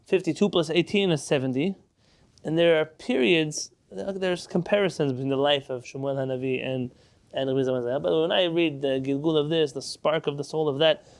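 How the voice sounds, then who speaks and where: A man leads a Talmud lesson with a somewhat raised pitch, working through each passage step by step. He often poses a question to the class and then answers it himself. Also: creaky. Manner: explains step by step, asks and answers own questions. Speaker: Torah class teacher.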